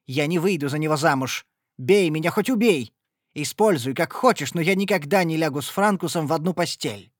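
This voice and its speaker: A man's voice: on the high side, expressive, a little slow, hardly any pauses, fairly bright tone, dry recording, clean studio sound, pitched above the performer's own voice. A man voicing a defiant young peasant woman who answers her father sullenly.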